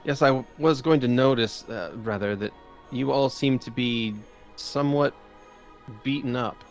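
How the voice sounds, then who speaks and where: A reserved young nobleman, as a man plays him, formal and a little halting. The voice is close to the man's own, at an ordinary pitch, with soft music behind. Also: lightly acted. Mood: polite.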